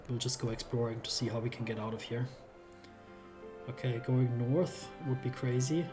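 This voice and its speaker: A man playing a story game, reading its text aloud and dropping calm, wry side comments. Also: medium pitch.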